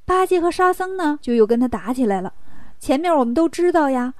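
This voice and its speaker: High, lively woman storyteller. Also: brisk, no room sound, studio quality. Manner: lively, playful. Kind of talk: children's story narration.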